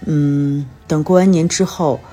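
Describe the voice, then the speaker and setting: Low-key husky Chinese woman, chatty storyteller. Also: steady tone, unhurried, dark tone, soft background music. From China. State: tired and under the weather. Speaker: podcast host. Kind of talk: casual solo life-update monologue.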